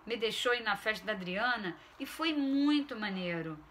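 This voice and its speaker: A woman's voice: mid-range voice, lively intonation, moderate pace, a bit bright, a little hiss or hum, lightly acted. A woman voicing a pushy, sulky teenage boy who pleads insistently with his mother in a read-aloud story. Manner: insistent, exasperated, wheedling. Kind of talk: storytelling reading.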